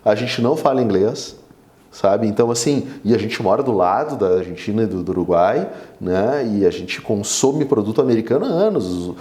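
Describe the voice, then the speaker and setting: A man with a lilt tells stories as an interview guest, his voice dark and mellow. He keeps dropping little tags like "né" and "cara" as he talks. The room gives his voice a noticeable echo. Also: fairly low pitch, moderate pace. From Brazil. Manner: animated storyteller, many fillers like 'né' and 'cara'. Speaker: oral surgeon guest. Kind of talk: casual interview chat. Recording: roomy echo.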